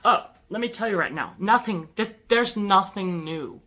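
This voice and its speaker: A woman casually recounting a personal spiritual experience to her viewers, rambling and halting with lots of fillers. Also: mid-range voice, fairly bright tone. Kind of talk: casual first-person storytelling.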